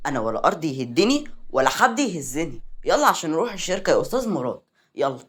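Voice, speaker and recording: A woman's voice: low voice, big pitch swings, fast talker, husky, heavily acted. A woman voicing a proud, arrogant young woman, speaking in an Egyptian Arabic accent with a haughty manner. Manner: haughty, boastful.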